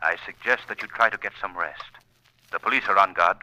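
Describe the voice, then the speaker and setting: An invisible avenger in a vintage radio crime drama. His voice is fairly deep and very sharp, with hard, forceful edges. He speaks deliberately and theatrically, with calm command. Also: a little hiss or hum, poor audio. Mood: urgent, reassuring. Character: the Shadow, commanding invisible male crime fighter, calmly reassuring. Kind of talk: old-time radio crime drama acting.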